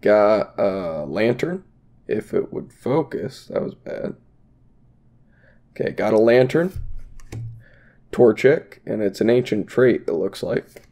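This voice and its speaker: Low-pitched and dark in tone, this young vlogger's voice is stuffy from a cold as he slowly opens trading card packs at his desk indoors. His intonation is lively, but he talks slowly with long pauses, rambling casually to his YouTube viewers and using plenty of fillers.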